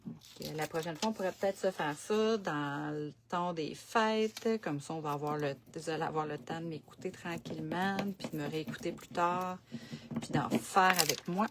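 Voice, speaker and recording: A woman's voice: sits low, moderate pace, noisy background. A woman with a Quebec French accent giving a casual live craft demo at her home desk, chatting and thinking aloud as she works. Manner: chatty, thinks aloud while working, many fillers. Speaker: craft demonstrator on a live stream. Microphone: camera set on the desk.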